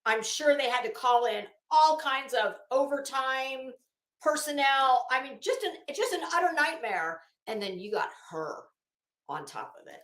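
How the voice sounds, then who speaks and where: Unhurried and high-pitched, with lively intonation and a fairly bright tone, a woman hosts a livestream and chats about a legal case. Her commentary is casual and sarcastic, theatrical, exasperated and mocking, recorded in an echoey room.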